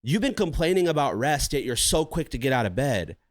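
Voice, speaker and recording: A man co-hosting a podcast in casual chat, rambling and animated, swearing freely as he talks through ideas. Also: medium pitch, brisk, no echo, studio quality. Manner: rambling, profane and animated, acting out his inner voice. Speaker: podcast co-host.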